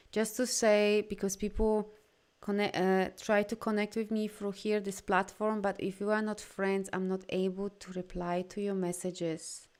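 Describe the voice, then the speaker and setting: A smooth, darkish, medium-pitched woman's voice. She coaches a live audience through an energy healing session, speaking English as a non-native in a casual, effusive, encouraging style and often reading out comments.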